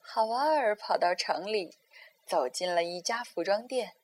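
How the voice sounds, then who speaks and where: A woman storyteller reading a children's story aloud in a gentle, expressive way. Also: mid-range voice, a little slow.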